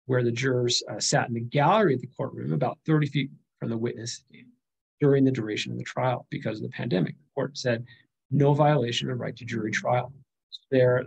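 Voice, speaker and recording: Man, middle-aged, lecturer, husky, conversational with fillers. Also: mid-range voice, a little mellow, rough recording. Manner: conversational, frequent fillers and restarts. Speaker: legal studies faculty lecturer. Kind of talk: recorded slide lecture.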